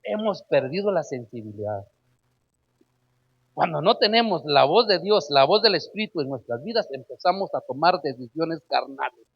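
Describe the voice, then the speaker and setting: A man's voice: a little high, very animated, moderate pace, vocal fry, husky, muffled recording. A man preaching a sermon emphatically. He keeps addressing his listeners as brother and asks them rhetorical questions.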